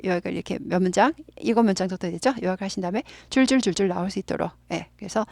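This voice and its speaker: A woman's voice: mid-range voice, racing, creaky, a little mellow, dry recording. Patient Korean woman teaching English grammar. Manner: patient, stretches out key words, often says 예 and 네.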